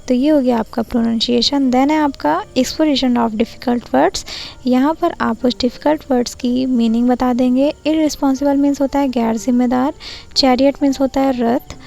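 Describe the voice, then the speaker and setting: High, gravelly-voiced woman explaining a lesson plan. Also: warm tone. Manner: repeats "look here", switches between Hindi and English; reads quoted English lines slowly and deliberately. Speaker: teacher-training tutor.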